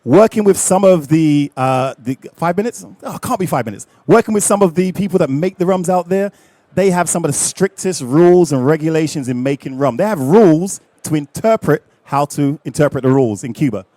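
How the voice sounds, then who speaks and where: A man's voice: a little high, fairly quick, dry recording. Upbeat man hosting a live rum tasting. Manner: lively, jokey, chats with the audience. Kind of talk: live tasting talk to an audience.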